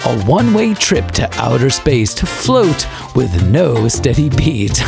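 Man playing a booming, swooping game show prize announcer. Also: very animated, slow, vocal fry, music in the background, full character voice. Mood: grandiose. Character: vain, donut-loving, grandiose game show host. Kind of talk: children's podcast game show skit.

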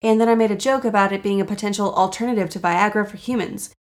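Woman, podcast host, raspy sore-throat voice, strong vocal fry, mid-pitched, casual, self-deprecating, sweary comedic delivery. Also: fast talker.

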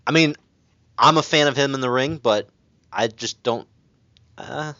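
A man hosting a laid-back podcast chat, cursing freely and leaning on fillers as he wanders through his points. His voice sits at an ordinary middle pitch. It comes through a dry, slightly dull lo-fi recording. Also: measured pace, pushed and bright, no room sound. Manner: swears freely, rambling with fillers. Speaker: podcast host. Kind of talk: casual wrestling chat.

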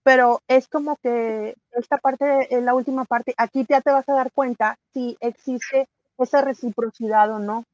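A middle-aged woman with a Mexican accent, talking as a guest in a casual conversation, animated and chatty, often pausing on fillers and correcting herself. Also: fairly high pitch, dry recording, lo-fi sound. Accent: Mexican Spanish.

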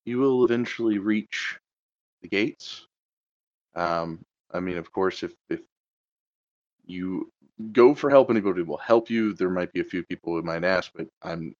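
A man's voice: low voice, normal speed, dry recording. A man narrating a tabletop game as game master, hesitant and full of fillers. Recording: dull, lo-fi sound.

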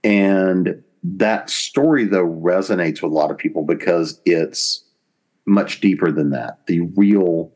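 Speaking as a podcast interview guest, this man has a deep, low voice with a darkish tone. His explanations are conversational and deliberate, broken by pauses mid-sentence as he shapes his ideas.

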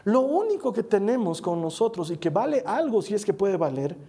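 Male preacher with a high voice, chatty sermon delivery, often asks the room "right?". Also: big pitch swings, normal speed, vocal fry, mellow, breathy edge. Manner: conversational, checks in with listeners by asking "right?".

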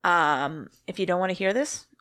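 A woman's voice: lowish voice, moderate pace, sharp tone, a little hiss or hum. A woman co-hosting a podcast, casually recounting a true-crime story and often correcting herself mid-sentence. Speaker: podcast co-host.

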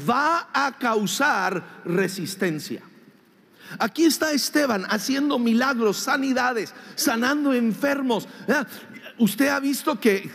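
A man preaching a sermon as pastor, animated and emphatic, sometimes mimicking whiny voices and shouting for emphasis. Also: very high-pitched. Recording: long hall reverb.

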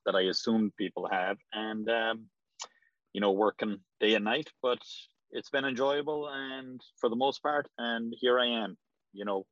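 A middle-aged Irish man talks through his answers loosely, pausing on ums and restarting his sentences. His voice sits a little low and sounds dry and close. The recording is dull and slightly lo-fi. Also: no room sound. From Ireland. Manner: rambling, hesitant with frequent ums. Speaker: real estate agent, guest. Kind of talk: casual interview answers.

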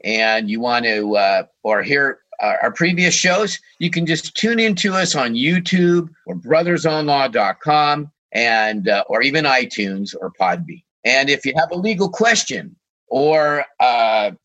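A man's voice: medium pitch, expressive, unhurried, fairly bright tone, highs cut off. A man co-hosting a radio show in casual, unscripted chat.

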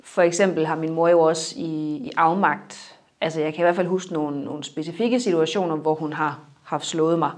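A young adult woman in a personal interview, reflective and halting, her sentences trailing off softly. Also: low voice.

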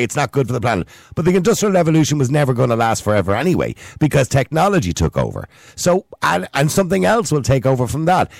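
A man's voice: mid-range voice, creaky, darkish tone, dry recording, studio quality. A man arguing insistently and cutting in during a heated pundit debate. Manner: argumentative, interrupting, insistent.

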